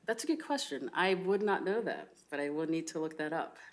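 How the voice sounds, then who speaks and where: Fielding audience questions after her medical lecture, a young resident physician speaks in an expressive voice that sits low. She replies thoughtfully and carefully, with plenty of ums and uhs.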